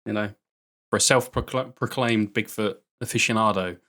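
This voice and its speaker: A man with a slightly low voice chats as a podcast co-host. His delivery is informal and jokey, the easy banter of someone playing a quiz with friends. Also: steady tone, moderate pace, bright, forceful tone. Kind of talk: casual chat, joking banter.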